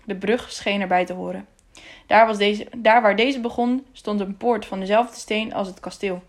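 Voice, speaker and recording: Woman, audiobook narrator, calm, measured storytelling. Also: mid-range voice. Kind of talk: scripted narration of a children's novel.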